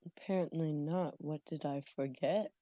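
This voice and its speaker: A woman's voice: low-pitched, moderate pace, mellow, no echo, dull audio. A woman playing a guarded young woman adventurer who answers tersely and warily. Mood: wary.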